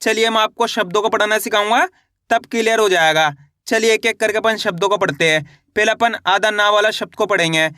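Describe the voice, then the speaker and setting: High, bright-voiced reading teacher man. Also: no echo, clean studio sound. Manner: repetitive call-and-response drilling, drawn-out model words. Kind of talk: classroom-style video lesson.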